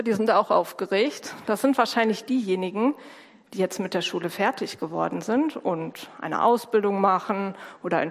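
A woman hosting an event, coaxing and chatting with children in a lively, warm manner. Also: mid-range voice. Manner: warm coaxing, speaks to kids directly. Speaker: host of a school-start service. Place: large hall with a crowd. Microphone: handheld microphone. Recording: long hall reverb, crowd murmur.

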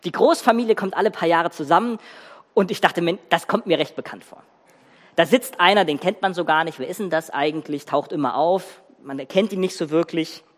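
A preacher giving a sermon, retelling a Bible story with emphatic, animated storytelling and pauses for effect. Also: mid-range voice. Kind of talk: sermon with dramatic Bible reading. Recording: reverberant church hall.

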